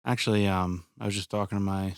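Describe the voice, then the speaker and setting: Co-host: lowish man with a gravelly fry, blunt casual talk, dry sound. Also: level tone, fast, no echo. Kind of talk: casual interview chat.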